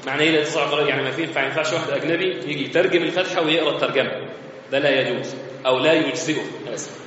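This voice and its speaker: In a large mosque hall, a man with an Egyptian Arabic accent teaches a religious lesson, walking through it step by step as if in conversation. He speaks at a racing pace in a steady, fairly bright, higher-pitched voice. The hall echoes, the sound is slightly muffled, and there's a faint hiss or hum.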